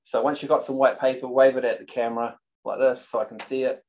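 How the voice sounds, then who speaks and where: A man's voice: mid-range voice, little pitch movement, fast talker, darkish tone, low-quality recording. A man from New Zealand with a New Zealand accent, teaching a webinar over a video call and upbeat as he coaxes the audience to join in. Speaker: real estate trainer.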